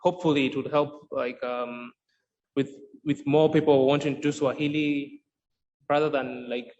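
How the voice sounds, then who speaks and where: A man who created and teaches a Swahili course explains his teaching approach in a podcast interview. He is earnest and often restarts sentences while searching for words. His mid-range, darkish voice keeps a steady tone at a moderate pace, and the recording is dull and lo-fi with faint noise.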